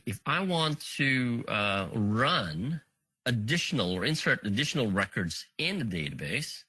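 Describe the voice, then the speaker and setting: Bright-voiced man walking through a demo. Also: lowish voice, no room sound, low-quality recording. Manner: thinks aloud, counts items on screen, frequent fillers. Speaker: conference presenter. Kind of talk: live technical demo walkthrough.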